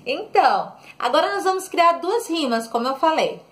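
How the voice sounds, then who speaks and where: A woman's voice: high-pitched, very animated, normal speed. A woman teacher giving a recorded lesson to children, patient and coaxing, constantly saying look and okay and using diminutives.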